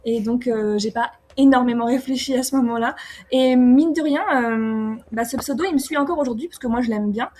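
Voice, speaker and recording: A young woman from France answering interview questions casually, often pausing with fillers and restarting her sentences. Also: on the high side, darkish tone, a little hiss or hum. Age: young adult. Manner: hesitant, many fillers and restarts. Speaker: singer-songwriter guest.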